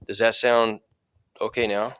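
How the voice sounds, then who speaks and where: Male online math teacher, lowish voice, choppy audio that cuts out from a bad mic. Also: little pitch movement, measured pace, a bit bright, clean tone, no echo. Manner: checks in often with "right?". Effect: choppy audio cutting out from a faulty mic. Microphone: desk microphone.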